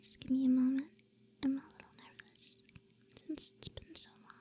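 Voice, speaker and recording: A young woman whispering a roleplay for the listener in a soft, teasing, affectionate way, with breathy little hums between phrases. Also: high-pitched, level tone, moderate pace. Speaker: audio roleplay performer.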